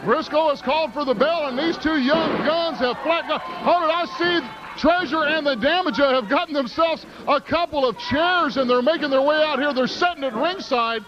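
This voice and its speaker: A man calling live pro wrestling play-by-play in an excited, exclamatory way. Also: very high voice, normal speed. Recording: dull lo-fi broadcast, very noisy.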